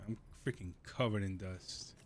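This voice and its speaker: A man's voice: low voice, moderate pace, slight background noise. A man giving casual, sarcastic let's-play commentary as he plays, talking to himself. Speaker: gaming video host.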